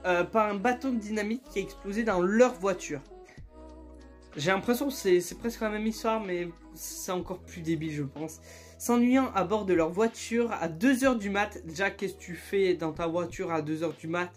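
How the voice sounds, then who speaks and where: A young man retelling absurd stories in a casual, joking, slangy way, laughing often and breaking into loud squeals of outrage. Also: sits high, moderate pace, faint music behind. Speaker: YouTuber. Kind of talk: casual comedic storytelling and reading aloud.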